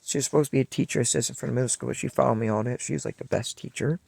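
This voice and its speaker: Gravelly young man telling his story. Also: mid-range voice, steady tone, very fast, darkish tone, no echo. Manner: rambling, heartfelt, acts out past dialogue. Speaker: vlogger. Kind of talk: casual personal storytelling.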